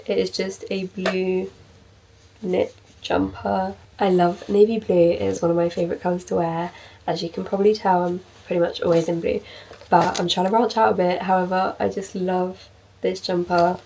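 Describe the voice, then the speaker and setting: A young woman chatting casually in a vlog, upbeat and full of fillers like "like", her voice a little hoarse. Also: on the low side, flat delivery, moderate pace, warm tone, recorded from a distance, slight background noise, rough recording. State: slightly hoarse. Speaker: vlogger.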